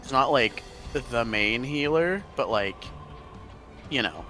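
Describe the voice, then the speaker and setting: A man's voice: medium pitch, takes it slowly. Laid-back young man, lots of fillers. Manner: relaxed, many filler words. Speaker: teammate. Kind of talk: casual gaming chat. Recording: game music under voice.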